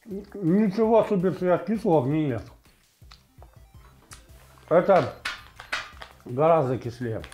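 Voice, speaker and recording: Male food-tasting host, 40s, casual and halting, lapel mic in a kitchen, music behind. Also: fairly high pitch, warm tone. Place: indoor home kitchen. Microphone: lavalier clipped to T-shirt.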